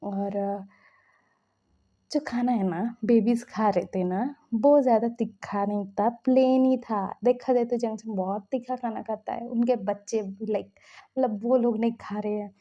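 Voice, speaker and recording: A woman's voice: on the high side, fairly even intonation, unhurried, mellow, lo-fi sound. A woman casually retelling a fan-fiction story in chatty, loose narration.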